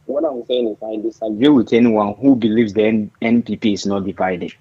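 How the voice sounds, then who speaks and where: Man on a glitchy phone line, pitch jumping. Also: fairly even intonation, brisk, breathy edge. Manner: argumentative, insistent. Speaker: phone-in political commentator. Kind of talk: heated political debate.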